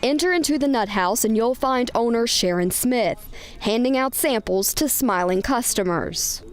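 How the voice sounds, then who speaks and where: A woman's voice: on the high side, lively intonation, moderate pace. Upbeat woman reading a news voice-over. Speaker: student news reporter.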